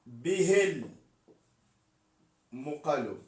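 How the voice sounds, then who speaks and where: A man's voice: fairly high pitch, lively intonation, very slow, darkish tone. A man teaching poetic meter in a live-streamed lesson, spelling out words letter by letter as he explains. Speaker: poetry teacher. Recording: echoey room, distant mic.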